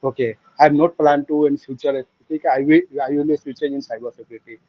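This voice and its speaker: Man, from India, Indian English accent, halting restarts, muffled call audio. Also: a little high, fairly even intonation, no echo. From India (Bihar). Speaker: participant introducing himself. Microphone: video call.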